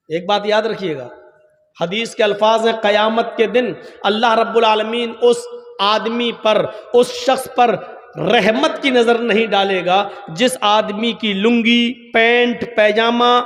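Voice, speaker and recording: A male preacher gives an emphatic sermon, building to shouts and pointed rhetorical questions. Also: very high voice. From Uttar Pradesh, India. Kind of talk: Islamic sermon at a public gathering. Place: large public gathering with a PA system. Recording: echoey PA sound with long reverb.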